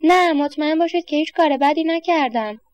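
A woman's voice: sits high, darkish tone, no room sound, faint music behind, pitched above the performer's own voice, natural voice. A woman voicing a polite, stubbornly determined young boy in a storybook. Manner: polite, earnest.

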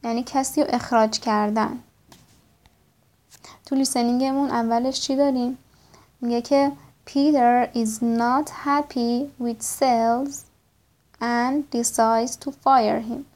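Woman slowly spelling out English words. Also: a little high, fairly even intonation, a little mellow. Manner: spells words out letter by letter, slow in English, quick in Persian. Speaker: English teacher. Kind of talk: vocabulary lesson.

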